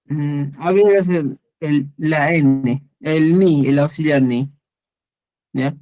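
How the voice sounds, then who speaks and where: A man teaching an online class, explaining slowly and patiently, often checking that students follow. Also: fairly high pitch, warm tone, dull audio. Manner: slow, patient, checks understanding with "¿ya?". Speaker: Quechua teacher.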